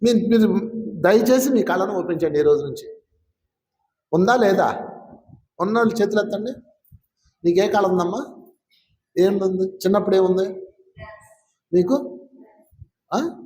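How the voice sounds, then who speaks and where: A man with a high, bright voice leads an informal spiritual talk before a gathering. He turns to people in the audience, questions them and ribs them good-naturedly. The sound is roomy and echoing, like a hall. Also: a little slow, long pauses. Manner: conversational, quizzes and teases listeners. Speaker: spiritual teacher.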